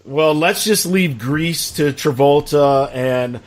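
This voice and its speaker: A man's voice: fairly high pitch, slow pace. A middle-aged man co-hosting a sports podcast in casual, crude, joking chat full of fillers. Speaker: podcast co-host.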